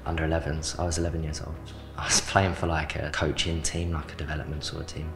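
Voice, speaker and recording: Speaking fast in a level bass voice, this young man in his late teens is an academy footballer from south London with a matching accent. In an indoor club media studio, he answers interview questions into a handheld mic in brief, plain replies peppered with "like," as music plays in the background.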